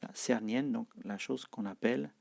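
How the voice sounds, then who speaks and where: A man teaching a language lesson, explaining slowly with many hesitations and repeating example phrases. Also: medium pitch, vocal fry, darkish tone.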